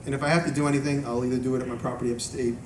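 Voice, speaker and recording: A man gives an informal talk and answers questions in a conversational, meandering way, often restarting his thought. His voice sits at an average pitch and is picked up from a distance in a reverberant room, with clear noise behind him. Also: flat delivery, very fast. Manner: conversational, rambling, self-interrupting. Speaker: video maker giving a talk and taking audience questions. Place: echoey room at a live event. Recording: echoey room, distant mic, noisy background.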